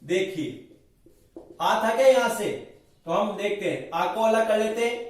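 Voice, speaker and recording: A man's voice: sits high, lively intonation, measured pace. A man teaching Sanskrit grammar in a lecture, explaining step by step and asking and answering his own questions. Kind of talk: classroom lecture at a board. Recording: very echoey room, mic far off.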